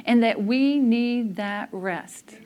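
A woman's voice: a little high, takes it slowly, darkish tone. A woman preaching a conversational sermon, telling personal stories candidly and laughing at herself. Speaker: speaker at a church service.

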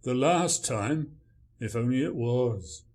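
A man's voice: medium pitch, lively intonation, takes it slowly, a little mellow. A man playing a grumpy male writer, dry, sarcastic and dismissive in a radio play. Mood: sardonic.

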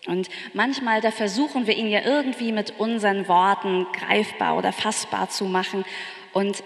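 A woman pastor giving a sermon in slow, measured phrases, her voice rising on words she stresses. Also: medium pitch. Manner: slow, measured preaching with emphatic rises. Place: church. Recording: echoey church with long reverb.

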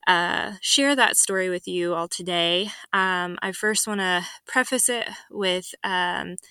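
Young woman guest, earnest, lots of ums, bright voice, grew up in guatemala and mexico. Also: on the low side, slow, smooth, no room sound. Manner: earnest, soft-spoken, with frequent ums and light laughs. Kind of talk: personal testimony in a podcast interview.

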